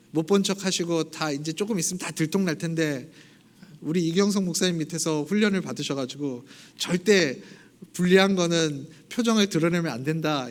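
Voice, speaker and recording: A male pastor giving a sermon in a conversational storytelling manner, joking with the congregation and acting out scenes. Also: on the high side. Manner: conversational storytelling, acts out voices. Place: church sanctuary.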